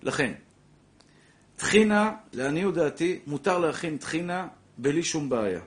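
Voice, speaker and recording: A man teaching a lively religious law lesson to a class, repeating his points and acting out little scenes. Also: on the high side. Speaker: Torah teacher.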